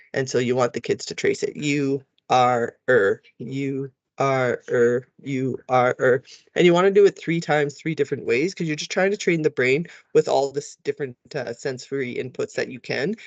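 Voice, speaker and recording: Man, teacher trainer, relaxed explanatory tutorial, models letter sounds, dry close audio. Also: mid-range voice, no echo, highs cut off. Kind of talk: recorded tutorial walkthrough.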